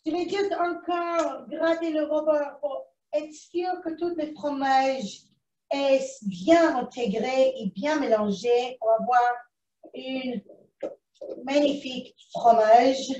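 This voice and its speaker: High-voiced woman chatting through a cooking demo. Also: takes it slowly, darkish tone, reverberant, far from the mic, muffled recording. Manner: chatty, talks to herself while cooking; speaks French with a foreign accent. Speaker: cooking show presenter. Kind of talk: live online cooking demonstration. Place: kitchen, indoors.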